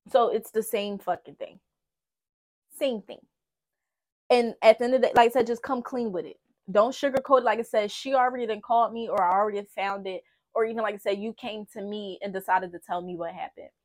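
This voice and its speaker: A woman hosting a podcast, giving blunt, profane relationship advice in a casual, emphatic way, speaking. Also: mid-range voice. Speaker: podcast host. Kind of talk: candid relationship talk.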